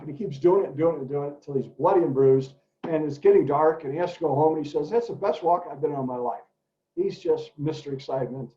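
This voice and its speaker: A middle-aged man, an educator, giving an animated talk to parents and telling stories in character voices, in an echoey room with dull lo-fi sound. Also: a little high. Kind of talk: presentation for parents.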